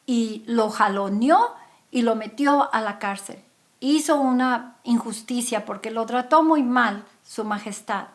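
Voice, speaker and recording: A woman delivers a sermon in a church service. Her voice sits a little high, and she tells the parable with feeling, acting out the pleading and the anger of its characters. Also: unhurried. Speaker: preacher.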